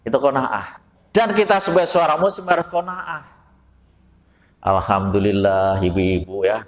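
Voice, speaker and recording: A man's voice: medium pitch, unhurried, long reverb tail. A Javanese man preaching a folksy study sermon to his congregation, often putting questions to the audience. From Java. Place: mosque hall.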